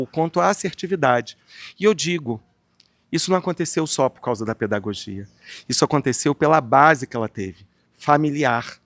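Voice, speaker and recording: A Brazilian man speaking as a guest psychologist on a podcast, talking in a warm, rambling way with frequent tag questions. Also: medium pitch, dry recording. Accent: Brazilian Portuguese. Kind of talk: casual podcast conversation.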